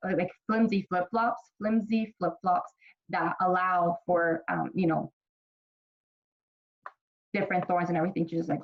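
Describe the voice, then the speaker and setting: A woman from Ethiopia teaches a college microbiology class in a loose, conversational way, full of fillers and restarted sentences. Her voice sits a little low for a woman. The recording sounds slightly dull and lo-fi. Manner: chatty, many fillers and restarts. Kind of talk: casual recorded lecture.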